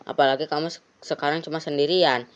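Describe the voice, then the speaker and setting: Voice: medium pitch, steady tone, fast, clear, resonant tone, highs cut off, close to an everyday voice. A game streamer voicing a brusque, impatient male police officer in a horror game, reading his lines aloud in a scolding tone. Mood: gruff.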